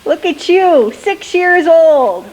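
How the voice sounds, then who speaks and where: Her very high, slightly mellow voice moves slowly with lively intonation as she records her children in the snow, talking through the scene and coaxing them to wave. The sound comes from the built-in mic of her old handheld camcorder, so the audio is poor with a faint hiss.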